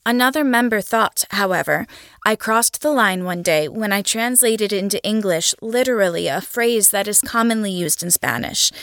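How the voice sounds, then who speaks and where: Woman reading scripted interview answers, calm and steady, very dry studio sound. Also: medium pitch, no room sound.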